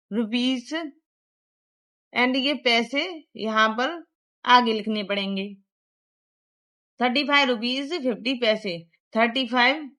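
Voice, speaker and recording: A woman's voice: a little high, fairly bright tone. A woman with an Indian accent teaching a primary-school math lesson, explaining step by step and switching between Hindi and English. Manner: reads English textbook sentences very slowly. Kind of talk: explaining a textbook lesson to young pupils.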